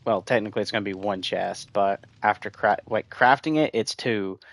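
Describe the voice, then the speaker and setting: Low-voiced man chatting while gaming. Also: normal speed, gravelly, a bit bright, dry recording. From United States. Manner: rambling, chatty, addresses viewers as guys. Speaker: gaming streamer. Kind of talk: casual gameplay commentary.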